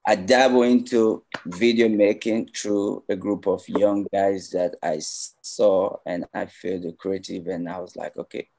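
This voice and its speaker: A man with a Nigerian accent, a video director recounting his career in a relaxed, conversational way over a video call. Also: sits low, unhurried, vocal fry, few pauses. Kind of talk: casual interview answers.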